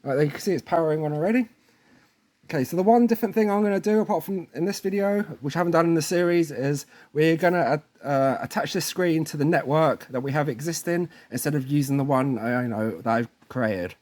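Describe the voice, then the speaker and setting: A fast-talking man with a slightly high, darkish voice presents a casual, hands-on tech installation tutorial, keeping things informal and often checking in with the viewer.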